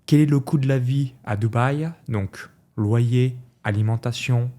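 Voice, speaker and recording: A male podcast host with a warm, darker tone and a mid pitch. He asks questions and walks through his topics one by one in a structured way. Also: unhurried. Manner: structured, lays out points in order. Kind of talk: interview questions.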